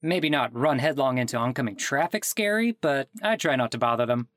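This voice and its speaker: A man's voice: mid-range voice, expressive, fairly quick, fairly bright tone, no echo, close to an everyday voice. Fed-up sarcastic guy on a complaint call, a man acting it, swings his voice all over, dry sound. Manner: sarcastic, indignant, bursts out. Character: exasperated man whose clone died. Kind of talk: comedic audio drama acting.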